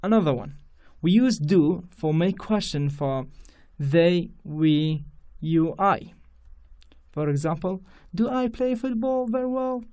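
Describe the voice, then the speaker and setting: A man's voice: high voice, expressive, takes it slowly, a little mellow. A man with a Kurdish accent, a native Kurdish speaker, teaching an English grammar lesson to students and repeating each example sentence with care.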